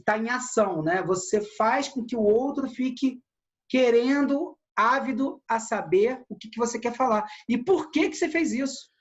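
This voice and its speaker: A woman's voice: on the high side, expressive, moderate pace, highs cut off. A woman with a Brazilian Portuguese accent teaching an acting class, explaining and acting out how to deliver lines. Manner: demonstrative, acts out delivery.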